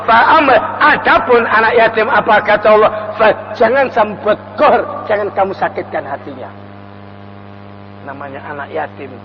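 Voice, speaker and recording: A man preaching a mosque lecture with an East Javanese accent. He recites Arabic verses and then explains them in a homely, joking way. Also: high-pitched. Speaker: Islamic preacher. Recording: reverberant hall, dull sound, faint mains hum.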